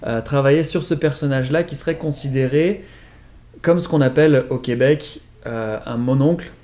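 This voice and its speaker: A man's voice: mid-range voice, moderate pace, mellow. A man casually teaching pronunciation, explaining and demonstrating sounds one by one. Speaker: accent teacher. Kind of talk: casual lesson.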